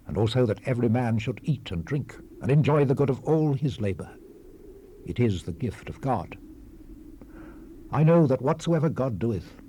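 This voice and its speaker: Lightly acted, a male scripture narrator voices a weary old-world preacher brooding on life's vanity, speaking in a solemn, measured, declamatory way with phrase endings that fall. His voice is on the low side and warm, captured on a hissy 1970s cassette rip.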